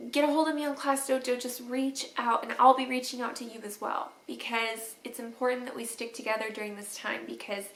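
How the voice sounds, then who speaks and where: A woman teacher crying through a tender, halting video message to her students, with sniffles and teary laughs. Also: on the high side, creaky, reverberant, poor audio. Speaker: third grade teacher.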